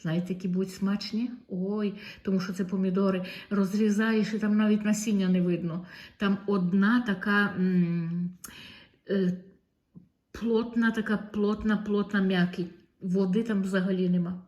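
A woman's voice: medium pitch, steady tone, moderate pace, darkish tone. A middle-aged woman from Ukraine, a vlogger chatting casually to her viewers in a homely, talkative way, stretching out her words. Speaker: vlogger showing tomato seeds. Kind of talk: casual chat to camera.

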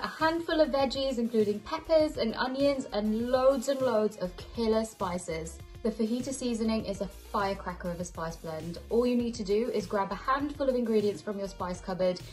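A young woman hosting a cooking channel, talking through a recipe in an upbeat, chatty, slangy way over soft background music. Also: on the high side. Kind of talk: casual recipe talk to camera, then voice-over narration.

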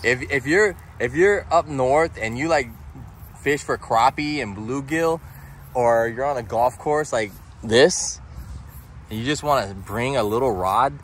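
A man's voice: mid-range voice, a little slow, a bit bright, a little hiss or hum. A man co-hosting a fishing vlog outdoors by a pond, chatting to viewers while he films a friend fighting a fish. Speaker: fishing vlog co-host filming. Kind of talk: casual outdoor vlog chat. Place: outdoors by a golf course pond.

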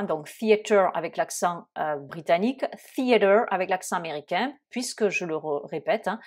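A woman from France teaching English city vocabulary, going through each word slowly with many fillers. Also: on the low side, a little mellow. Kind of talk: vocabulary lesson.

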